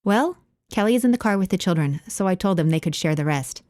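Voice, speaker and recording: A woman's voice: lowish voice, lively intonation, fast, mellow, no echo, studio quality, natural voice. A woman voicing a kind, cheerful neighbor and mother of a big family, speaking in a lifted, friendly tone. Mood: warm, cheerful.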